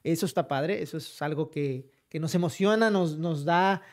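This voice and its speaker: A young Mexican man who co-hosts a casual, joking countdown. He goes along easily with his partner and keeps tossing in wry asides in an unhurried voice. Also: a little high. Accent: Mexican Spanish. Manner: laid-back, agreeable, jokey asides. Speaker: co-host.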